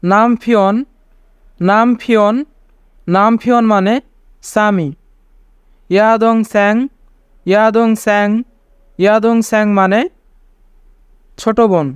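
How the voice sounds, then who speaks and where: A man teaching a vocabulary lesson, saying each word twice and then giving its meaning in a steady, scripted way. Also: sits high, slow pace, long pauses, smooth, dry recording, clean studio sound. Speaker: language teacher.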